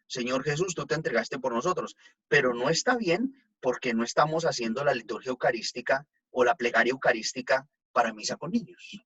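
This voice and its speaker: A man, a priest, giving a relaxed talk on liturgy to a group and taking their questions, checking in often with his listeners. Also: fairly high pitch, slightly rough, lo-fi sound. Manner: conversational, checks in with "¿no?" and "pues". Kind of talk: informal teaching talk with audience questions.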